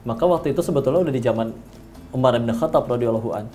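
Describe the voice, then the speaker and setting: Man hosting a calm faith talk. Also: medium pitch, very fast, faint music behind. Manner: responds often with warm affirmations and explains calmly. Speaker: host. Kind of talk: conversational religious talk.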